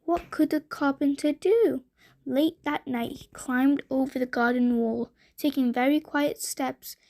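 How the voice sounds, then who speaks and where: A woman narrating a bedtime story for children in a gentle, deliberate way. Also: sits high. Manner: slow, gentle, deliberate reading.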